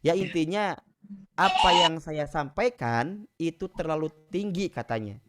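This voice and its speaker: Man giving an animated religious lesson. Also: fairly high pitch, measured pace, over loud music. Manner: animated storytelling, often addresses the audience directly. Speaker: Quran recitation teacher. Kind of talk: casual Islamic study lecture.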